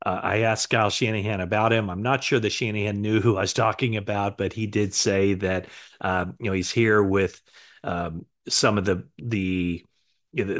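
A middle-aged man recapping team news to camera from a living room, speaking conversationally with fillers and self-corrections. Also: deep voice. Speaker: sports reporter. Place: living room with sofa, indoors.

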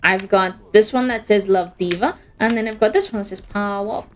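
A woman's voice: medium pitch, normal speed, a little hiss or hum. A young woman streaming a game, chatting casually and giggling as she reacts to the match and her chat.

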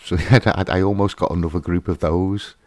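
A man's voice: sits low, fairly even intonation, brisk, darkish tone, no room sound. A man hosting a fishkeeping channel, giving a casual, hesitant voice-over with lots of fillers and restarts.

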